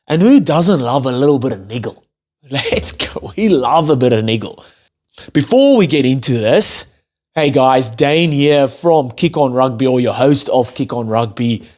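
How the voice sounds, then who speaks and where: A man's voice: on the high side, a little mellow. A young man from South Africa with a South African accent carrying an Australian twang, hosting an enthusiastic, chatty rugby video and hyping up a match to his viewers. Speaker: rugby YouTube host. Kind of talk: casual hyped-up commentary to camera.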